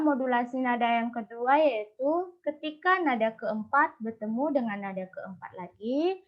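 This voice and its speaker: A young woman tutors over a video call, talking each step through patiently with plenty of fillers. Her voice sits a little high. The audio is dull and lo-fi, like a compressed call. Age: young adult. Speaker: Mandarin tutor.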